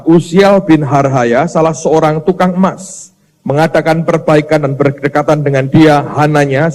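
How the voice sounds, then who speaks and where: A man's voice: a little high, a little mellow. A male pastor, preaching a sermon and telling stories with acted-out voices. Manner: storytelling, acts out quoted voices, addresses the congregation as "saudara". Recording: long reverb of a large hall.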